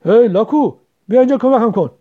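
A man's voice: very high voice, expressive, voice pushed up. A man voicing a bossy, menacing young village man who barks orders. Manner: commanding, growling, loud. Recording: dull lo-fi recording.

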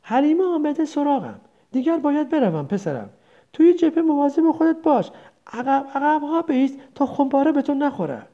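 A woman's voice: high-pitched, very animated, voice pushed up. A woman voicing an old village mother who rambles tenderly and laments her son, on a dull lo-fi recording. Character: old village mother, grieving, confused, doting.

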